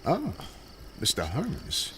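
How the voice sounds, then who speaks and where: Confident police constable, lively delivery, distant game audio. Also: male voice, medium pitch, slow pace, a little hiss or hum, exaggerated voice. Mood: official. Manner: official and matter-of-fact. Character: dutiful, self-assured London police constable.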